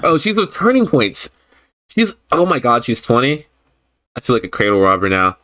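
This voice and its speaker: A man's voice: medium pitch, sing-song, moderate pace, bright, forceful tone. A man from Florida hosting a casual online chat, rambling with lots of fillers and breaking into giggles. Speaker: host.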